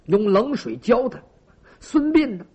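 Animated husky storyteller man. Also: very high-pitched, a little slow. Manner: dramatic, vivid with sound effects and asides to listeners. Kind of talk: traditional pingshu storytelling. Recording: lo-fi dull recording.

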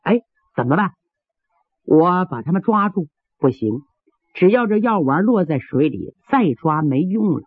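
A male storyteller narrates a traditional tale dramatically, full of vivid sound words. His husky voice sits high and swoops widely. The recording is tinny and dry, like a phone line. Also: big pitch swings, measured pace, dry recording. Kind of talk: traditional Chinese oral storytelling.

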